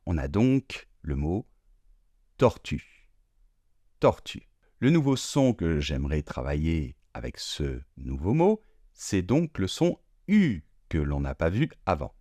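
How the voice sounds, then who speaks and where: A man teaching French pronunciation slowly and deliberately, drawing out sounds and repeating each word. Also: low-pitched, big pitch swings, mellow, dry recording, clean studio sound. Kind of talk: slow, careful pronunciation lesson.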